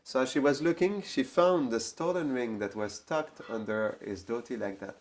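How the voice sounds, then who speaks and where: A man casually telling a devotional story, halting and repeating words as he goes. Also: mid-range voice.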